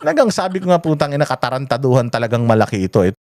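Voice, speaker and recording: A man's voice: mid-range voice, big pitch swings, rapid-fire, a little mellow, a little hiss or hum. A man with a Filipino accent delivering heated, profane political commentary straight to his viewers. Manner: angry, profane, addresses viewers as bossing.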